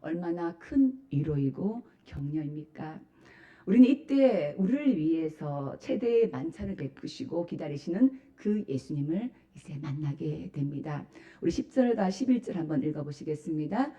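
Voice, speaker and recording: A woman's voice: deep voice, expressive, normal speed, dark tone. A woman pastor giving a Sunday sermon in a church, putting rhetorical questions to the congregation and preaching with emphasis. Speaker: senior pastor. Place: church sanctuary.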